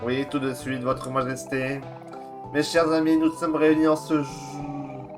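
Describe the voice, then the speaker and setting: A man's voice: mid-range voice, little pitch movement, a little slow, over music, natural voice. A man voicing a servile male wedding officiant, solemn and deferential.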